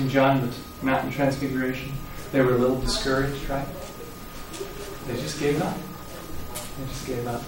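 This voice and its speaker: A man preaching a sermon, telling the story vividly and acting out the quoted lines with sudden loud rises. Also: medium pitch. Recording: echoey hall, voice from far off.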